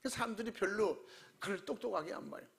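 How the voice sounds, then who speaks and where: A man pastor preaching a sermon, animated and acting out quoted voices with shouts. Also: high voice, fairly quick, vocal fry.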